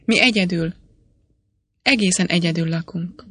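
A woman's voice: on the low side, fairly bright tone, no echo. Woman reading an eager young miner. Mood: earnest. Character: earnest young male miner, loyal and eager.

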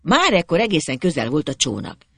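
A reader narrating a literary story in the first person, expressive and melancholy. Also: medium pitch, vocal fry, slightly rough, dry recording.

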